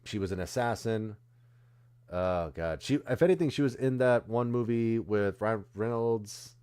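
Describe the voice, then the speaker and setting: A man's voice: fairly low pitch, unhurried, a little mellow, clean tone. A man co-hosting a stream, chatting casually about movie trailers and often losing track of names mid-sentence. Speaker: streamer co-host. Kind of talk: casual chat.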